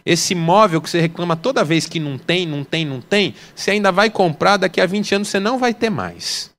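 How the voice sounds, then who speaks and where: A man with a Brazilian Portuguese accent preaching a sermon, swinging between loud exclamations and soft, low asides. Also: animated, brisk. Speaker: pastor. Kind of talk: radio sermon.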